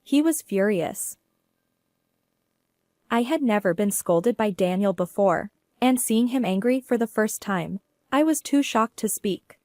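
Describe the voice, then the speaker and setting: A woman telling a first-person story as narrator, in a steady, earnest way. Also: medium pitch, unhurried, no echo, studio quality.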